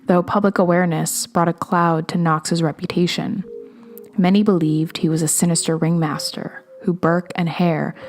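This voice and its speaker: Low-voiced woman narrating true crime. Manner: measured, steady storytelling. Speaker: podcast host.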